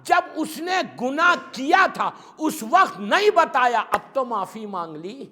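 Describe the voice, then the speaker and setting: A man voicing a divine voice from above, calm and firm, in a sermon story. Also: very high voice, big-room sound, full character voice.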